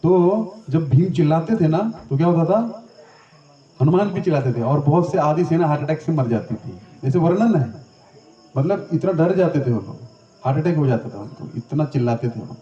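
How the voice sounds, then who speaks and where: A man's voice: a little high, expressive, normal speed, mellow. A man giving a storytelling scripture lecture in a chatty way, often turning to the audience with questions. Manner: conversational, asks the audience questions. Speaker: spiritual teacher. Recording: roomy, distant, dull lo-fi.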